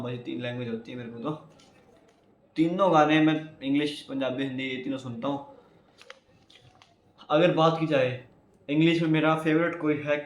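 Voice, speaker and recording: A young Indian YouTuber speaks in a mid-range voice in an echoey room. In this casual vlog he rambles and chats with his viewers, often calling them "guys".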